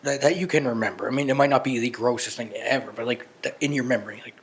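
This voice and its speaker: A man's voice: mid-range voice, fast, slightly rough. A man co-hosting a podcast in casual banter, rambling with lots of restarts. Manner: rambling, many restarts and fillers. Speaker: podcast co-host.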